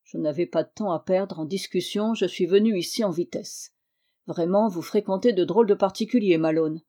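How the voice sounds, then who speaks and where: A woman's voice: lowish voice, moderate pace, mellow, natural voice. A woman reading a flustered, stout male reporter. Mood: indignant.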